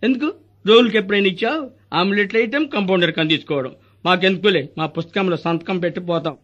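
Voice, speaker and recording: An actor playing a scheming, greedy hospital doctor in a stage comedy, firing off rustic wisecracks. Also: male voice, sits high, a bit bright, lo-fi sound. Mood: mocking. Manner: rapid wisecracking, rustic dialect.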